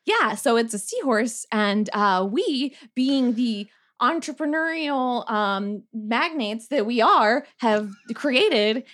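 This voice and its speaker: A woman player improvising a smooth sales pitch in a tabletop role-play, often breaking into laughter. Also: lively intonation, slow, fairly bright tone. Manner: giggly, salesy pitch in character.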